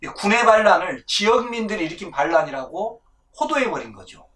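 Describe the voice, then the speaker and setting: A man's voice: sits high, lively intonation, brisk, fairly bright tone, recorded from a distance. A man, a historian, giving a firm, explanatory account. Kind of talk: expert explanation.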